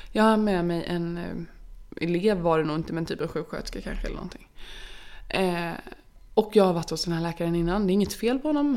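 A woman's voice: fairly low pitch, a little mellow. A young woman telling a story in casual chat, acting out the dialogue she quotes. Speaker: podcast co-host.

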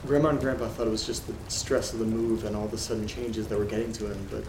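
In a horror audio drama, a man plays an uneasy figure alone reading creepy letters aloud, his lowish, natural voice level, subdued and measured with dramatic pauses. The somber, ominous scene has roomy sound with noise and rain and thunder ambience.

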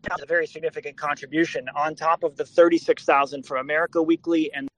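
Man, phone call from a moving car, flat voice, halting questions, dry close sound. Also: on the high side, dry recording. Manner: halting, filler-heavy questions. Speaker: caller in an online audio discussion. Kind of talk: casual chat.

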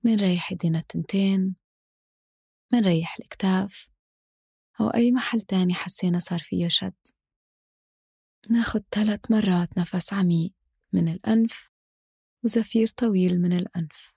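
A woman with a Levantine Arabic accent and a husky voice leads a guided breathing exercise as instructor, giving short, spaced instructions. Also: medium pitch, normal speed, long pauses, dark tone, dry recording, clean studio sound.

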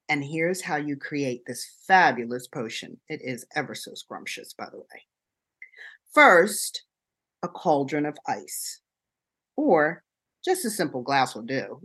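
A woman with a husky, lowish voice presents as a show host. Her delivery is theatrical and gushing, with words stretched out for effect. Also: a bit bright. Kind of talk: show introduction and casual interview.

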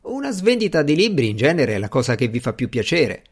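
A man's voice: medium pitch, sing-song, fairly quick, husky. A man voicing a blunt, dry-spoken male servant in an audiobook.

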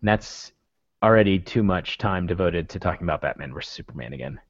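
Animated joking man, dry muffled sound. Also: low-pitched, fairly quick, no echo. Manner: joking, animated, laughs often. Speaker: podcast co-host. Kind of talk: casual chat.

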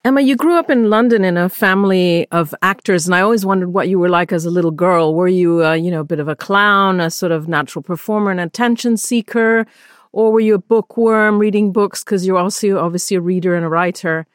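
A woman's voice: on the low side, fairly quick, clear, resonant tone, no echo, clean studio sound. A woman interviewer asking curious, probing questions about a guest's childhood and work.

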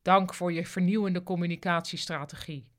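A reader voicing a tall male company boss who speaks in a brief, formal, measured way. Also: high-pitched, fairly even intonation, fairly bright tone.

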